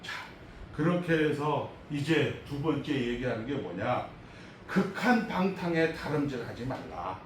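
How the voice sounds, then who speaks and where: A male pastor preaching a sermon in a lively, animated way, acting out the voices of people in his stories. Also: medium pitch, unhurried, heavy reverb, recorded from a distance, a little hiss or hum, low-quality recording. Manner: animated, acts out quoted voices. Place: church sanctuary.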